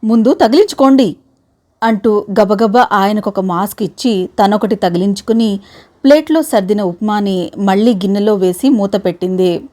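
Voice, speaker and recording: A woman storyteller narrating a short story, with even, measured audiobook delivery. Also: medium pitch.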